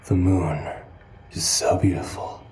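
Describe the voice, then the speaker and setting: Actor as a deep, slow, murmuring lunatic in an echoey space. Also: male voice, steady tone, darkish tone, soft background music. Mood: dreamy. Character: dreamy, unhinged man mumbling about fate.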